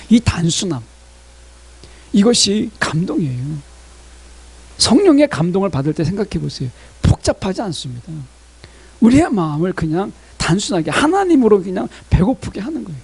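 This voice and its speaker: A man preaching a sermon as pastor, talking straight to his congregation in an animated way. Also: high voice, husky.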